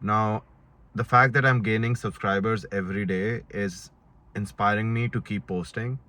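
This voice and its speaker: A man's voice: on the low side, steady tone, normal speed, sharp tone. A young man chatting casually to camera, earnest and rambling with many fillers. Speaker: vlogger.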